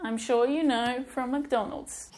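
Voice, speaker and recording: A woman's voice: fairly high pitch, steady tone, slow, a little mellow. A woman with a British accent giving a friendly video lesson, explaining words and carefully demonstrating their pronunciation. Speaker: English teacher.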